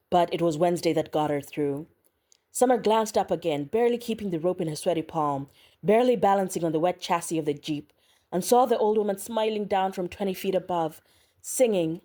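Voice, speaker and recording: Woman narrator, lowish voice, measured audiobook reading. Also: mellow. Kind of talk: scripted narration.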